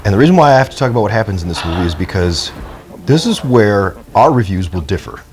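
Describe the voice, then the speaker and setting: A man's voice: lowish voice, big pitch swings, quick pace, crowd noise. A man co-hosting a casual movie review chat in an irreverent, goofy, wisecracking way. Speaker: podcast co-host.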